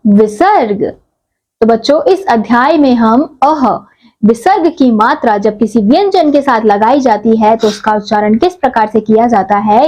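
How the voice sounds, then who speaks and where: A young woman teacher gives a slow, clear lesson to young children, sounding out each syllable carefully. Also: a little high, a little mellow, rough recording. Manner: sounds out syllables slowly and stretches each word.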